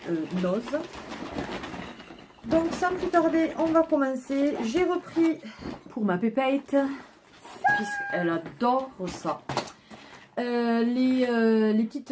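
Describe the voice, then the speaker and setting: A woman's voice: fairly high pitch, background noise. A woman chatting casually at home as she shows her purchases one by one to viewers. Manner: chatty, talks her viewers through each item. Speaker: haul vlogger. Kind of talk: casual chat, showing purchases to camera.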